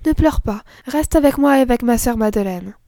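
A woman's voice: fairly high pitch, animated, fairly quick, warm tone, dry recording, studio quality. A woman voicing a brave and determined young girl who speaks eagerly and earnestly. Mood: soothing.

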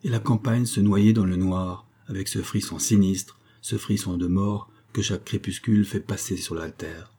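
A man reading a classic novel aloud as an audiobook narrator, in a measured literary style. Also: low-pitched, steady tone, mellow.

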